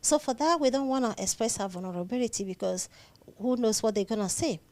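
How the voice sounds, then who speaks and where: Here a woman with a Nigerian accent, a psychiatric nurse practitioner, talks as an interview guest in a conversational exchange. She sounds earnest and emphatic, repeating phrases to drive points home, and her voice is on the high side, a little mellow and fairly quick.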